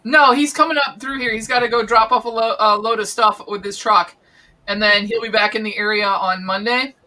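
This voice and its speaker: Chatty woman hosting a live stream, bright forceful voice, laughs a lot. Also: a little high, fairly even intonation, fairly quick, rough recording. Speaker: host. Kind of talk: casual live-stream chat.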